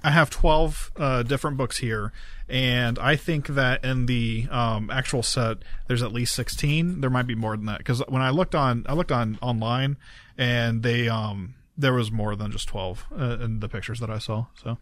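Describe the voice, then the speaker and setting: A man with a mid-pitched voice hosts a casual chat. He speaks haltingly, repeating words, and is recorded close and dry. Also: steady tone, a bit bright, dry recording. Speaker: show host.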